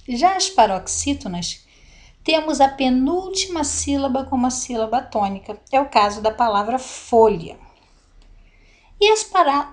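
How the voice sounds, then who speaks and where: Woman teacher, fairly high voice, careful and deliberate grammar lesson. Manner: slow, deliberate, spelling out examples.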